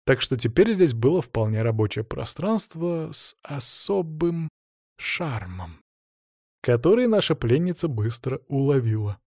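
A man reading a first-person story aloud with a wry, expressive delivery. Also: medium pitch, measured pace, dry recording, clean studio sound. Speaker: audiobook reader. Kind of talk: scripted first-person narration.

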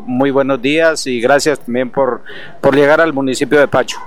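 Radio reporter: man, polite and halting, smooth clear voice. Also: medium pitch, fairly even intonation. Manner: hesitant, polite questioning. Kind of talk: radio interview.

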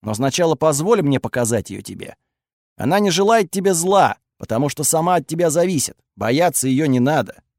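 A patient young hero speaks in a steady, coaxing voice that sits a little high, as a male audiobook reader plays him. The recording is dry and close. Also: fairly quick, no room sound. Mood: coaxing, calm. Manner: calm and coaxing. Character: calm, patient young man, the story's hero.

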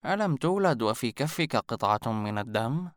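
A man voicing a mysterious old woman hermit, slow and scornful, in a storybook reading. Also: very deep voice, animated, dry recording, clean studio sound. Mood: ominous. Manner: slow, mocking, ominous delivery.

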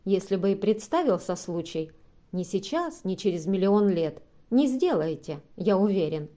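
A stubborn, distrustful man with a scornful, cutting delivery, read aloud by a woman narrating an audiobook. The tone stays mellow and dark rather than bright. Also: medium pitch, animated, normal speed, natural voice. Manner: accusing, scornful, decisive. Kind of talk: audiobook reading.

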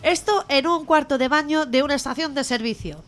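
A woman's voice: sits high, a little fast, over loud music. A woman co-hosting a radio comedy show, telling short jokes in a chatty way.

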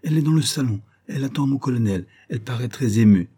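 A deferential manservant explains himself with polite fuss, as a man reading the book puts him on. The voice is raised a little above the reader's own, and it keeps a dark, husky grain. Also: medium pitch, quick pace, pitched above the performer's own voice, close to an everyday voice. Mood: apologetic. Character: dutiful male servant, fussy and apologetic.

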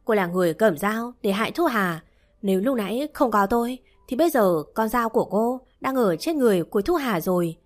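A woman's voice: mid-range voice, animated, a little fast, natural voice. A woman reading the lines of a blunt young man who accuses another of lying, in a storybook reading. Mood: accusing.

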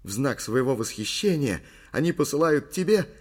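A man's voice: medium pitch, animated, moderate pace, slightly rough, pitched above the performer's own voice. A cocky young man plays the gallant with a lifted, showy voice, as a male audiobook reader puts him on. He soothes and boasts in the same breath. His delivery leaps about with theatrical flourish. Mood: mock-grand. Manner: playful, mock-grand, reassuring.

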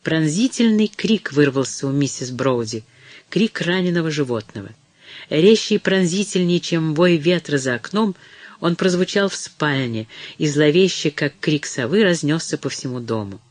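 A man narrating an audiobook in a measured, dramatic reading. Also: fairly high pitch, expressive, dry recording. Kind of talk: scripted narration.

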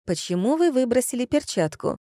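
A woman voicing a stubborn amateur detective, indignant questions, warm tone, dry close recording. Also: a little high, very animated, a little fast, dry recording, pitched above the performer's own voice. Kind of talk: audiobook character voice.

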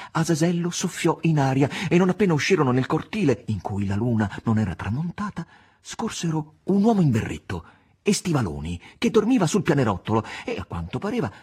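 A man reading a novel aloud as an audiobook, narrating in an expressive, dramatic way. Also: medium pitch, breathy edge. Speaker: audiobook reader.

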